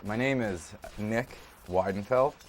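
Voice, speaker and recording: A man giving a casual interview as a cartoon voice actor, rambling in a halting, self-amused way. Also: lowish voice.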